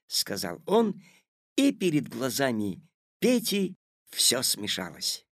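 A man reading a children's tale aloud as narrator, with expressive storytelling on a close studio mic. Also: mid-range voice, creaky, no room sound. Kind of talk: audiobook narration.

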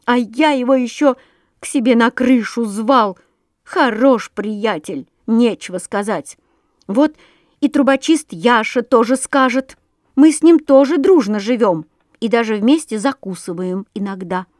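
A woman voicing a shouting, furious sparrow. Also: a little high, no room sound, studio quality, natural voice. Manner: shouting, indignant, rapid outbursts. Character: hot-tempered male sparrow, family bird.

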